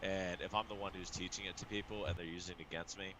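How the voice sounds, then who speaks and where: A man, a poker streamer and coach, chatting casually and excitedly, swearing often and restarting his sentences. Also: deep voice, fast, crowd noise, rough recording. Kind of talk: casual show chat.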